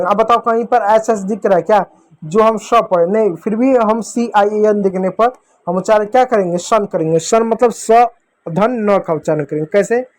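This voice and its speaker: A man teaching English pronunciation to beginners, drilling each word step by step and answering his own questions. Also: sits high. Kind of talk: explaining a phonics lesson to beginners.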